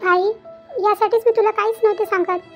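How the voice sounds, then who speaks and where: A woman voicing a troubled young married daughter in a cartoon. She talks in a hesitant, pleading way with halting restarts. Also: very high voice, fairly even intonation. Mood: tearful. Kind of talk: Marathi cartoon voice acting. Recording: dull lo-fi with faint background music.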